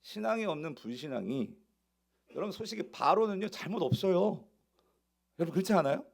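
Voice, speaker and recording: A man's voice: high voice, expressive, brisk, gravelly. A male pastor preaching a sermon, asking the congregation rhetorical questions.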